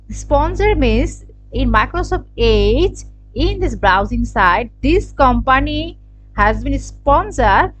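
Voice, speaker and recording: Bangladeshi woman, halting tutorial narration. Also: high voice. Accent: Bangladeshi English. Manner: hesitant, thinking aloud with many fillers and repeated "see". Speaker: tutorial channel host. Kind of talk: screen-recorded software tutorial. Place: indoors at a computer.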